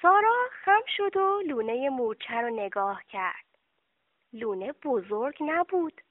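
Expressive woman telling a children's tale. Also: high-pitched, no room sound. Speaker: narrator. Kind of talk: children's story narration. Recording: dry, tinny phone-like sound.

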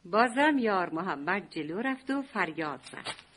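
Husky woman narrator, lively voice, children's story. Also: mid-range voice. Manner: warm, affectionate narration.

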